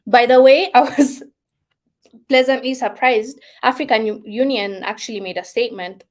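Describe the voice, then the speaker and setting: Expressive woman chatting through viewer comments. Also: on the high side, moderate pace. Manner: expressive, laughs often, swings between soft and excited. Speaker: host. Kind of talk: casual chat reading out viewer comments.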